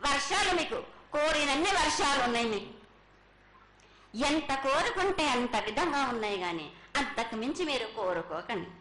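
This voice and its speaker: A bright, forceful, high-pitched woman speaks in a prophetic trance as a goddess. Her pronouncements are incantatory and repetitive. The live recording is echoey, with faint noise around her. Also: lively intonation, moderate pace. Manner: incantatory, repetitive, declaring blessings in first person as a goddess. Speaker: ritual oracle speaking as the goddess Mahankali. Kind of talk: prophetic trance oracle pronouncement at a temple festival. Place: live temple festival ceremony.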